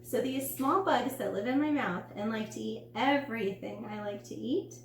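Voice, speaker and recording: A woman voicing a curious, slightly shy young boy in a read-aloud storybook, raising her voice higher for him. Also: normal speed, close to an everyday voice. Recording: roomy room with faint hum.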